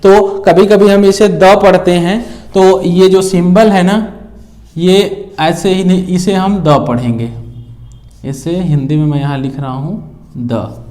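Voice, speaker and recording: A man's voice: sits high, steady tone, a little slow, warm tone. A man teaching an English grammar lesson, explaining patiently and often checking in with the listener while writing on a board. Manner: mixes Hindi with English phrases.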